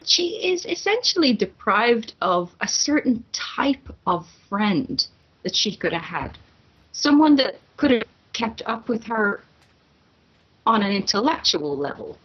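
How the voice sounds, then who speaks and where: A woman's voice: on the high side, very animated, measured pace, a bit bright, breathy edge. A woman in a casual barstool debate over drinks, arguing her points step by step, in a dull lo-fi recording. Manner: argumentative, builds points step by step.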